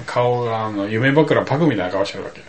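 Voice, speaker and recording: A man's voice: medium pitch, fast, slight background noise, low-quality recording. A man telling a rambling anecdote in casual chat, full of asides and comic emphasis. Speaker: storyteller.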